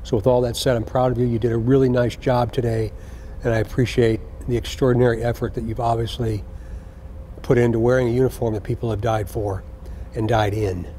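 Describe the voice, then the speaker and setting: Male senior police official, mellow relaxed tone, earnest ceremonial speech, deliberate repetition, faint background noise. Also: medium pitch. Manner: earnest, measured, deliberate with repeated phrases. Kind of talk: ceremonial address to recruits.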